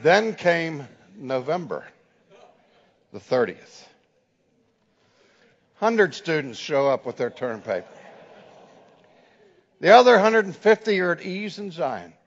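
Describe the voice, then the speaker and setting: A man's voice: a little high, very animated, takes it slowly, long pauses. A man preaching a sermon as a dramatic storyteller. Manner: dramatic storyteller who acts out the people in his stories. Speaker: preacher and teacher. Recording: long hall reverb, dull lo-fi 2007 audio.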